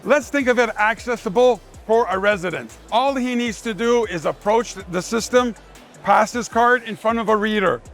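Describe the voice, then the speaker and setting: At a trade show, a sales manager gives a live product demonstration, delivering emphatic short phrases like a salesman. His voice sits high and a bit bright, at a moderate pace, with faint music in the background.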